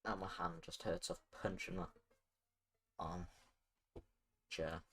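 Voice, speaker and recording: A man's voice: low-pitched, slow, slightly rough. A young man casually commenting on his own game, muttering to himself and getting flustered at times. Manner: mutters to himself, jumps between calm and flustered. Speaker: gamer streaming gameplay.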